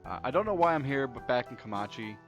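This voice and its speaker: Speaking fast and expressively in a mid-range voice, a young man reads game text aloud during casual let's play commentary, stumbling over repeated words. Game music plays behind him on a dull lo-fi recording.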